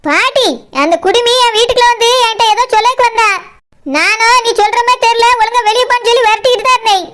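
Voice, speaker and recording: A woman voicing a hot-tempered, sharp-tongued village house owner in a cartoon, with a Kanyakumari Tamil accent and quick, indignant retorts. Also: very high voice.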